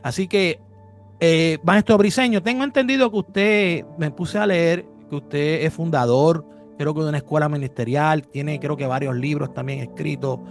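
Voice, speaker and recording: A man hosting a religious interview show, affirming and quick to agree with his guest. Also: on the high side, soft background music. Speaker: host.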